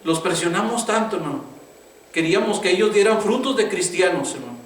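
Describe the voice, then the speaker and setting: A man's voice: high-pitched, expressive, brisk. A middle-aged man preaching a conversational sermon as pastor. He keeps calling his listeners brother and asking them "right?". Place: church sanctuary. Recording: echoey church room, mic at a distance, faint background hiss.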